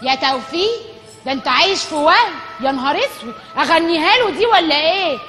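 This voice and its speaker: A woman's voice: high voice, animated, a little fast, sharp tone. A woman with an Egyptian accent acting in a comedy sketch, scolding and exasperated. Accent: Egyptian Arabic.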